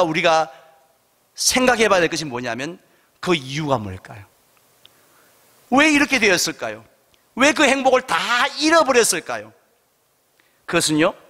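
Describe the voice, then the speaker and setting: A male pastor preaches with lively storytelling and rhetorical questions. His voice sits high and bright and swings widely in pitch. Long reverb from the church hall follows his words. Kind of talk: sermon. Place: church sanctuary.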